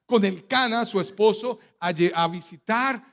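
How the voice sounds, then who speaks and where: A Colombian man preaches in church in a fairly high voice. He drives his sermon with rhetorical questions and sharp emphatic stresses. He leaves gaps for the congregation to fill in his lines. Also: unhurried. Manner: emphatic preaching cadence with sudden loud stresses. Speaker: pastor.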